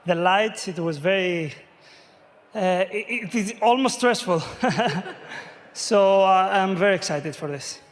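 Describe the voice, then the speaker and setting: A male athlete speaks in a high voice, with halting, simple phrasing as a non-native English speaker. It is a post-event interview recorded in a reverberant arena. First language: not English. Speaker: competing athlete.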